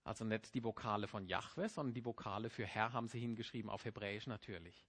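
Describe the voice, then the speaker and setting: A middle-aged pastor preaches a sermon, first explaining patiently and then rising into emphatic passages. His male voice is on the low side and a bit bright, and he speaks at a quick pace.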